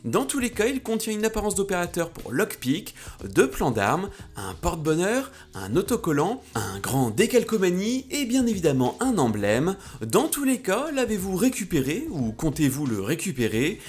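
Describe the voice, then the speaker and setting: A man doing playful, presenterly scripted narration as host of a gaming highlights show. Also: huge pitch swings, normal speed.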